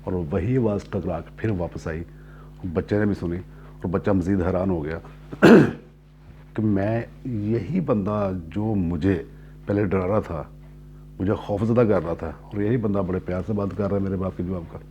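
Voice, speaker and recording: A man telling a motivational story at an unhurried pace, repeating and rephrasing his lines as he goes and clearing his throat now and then. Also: low voice, warm tone, dull audio, a little hiss or hum.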